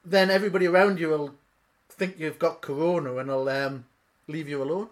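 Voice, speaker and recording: A man's voice: on the high side, brisk. A man, co-hosting a beer podcast in jokey casual chat. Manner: jokey, animated banter. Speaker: podcast co-host.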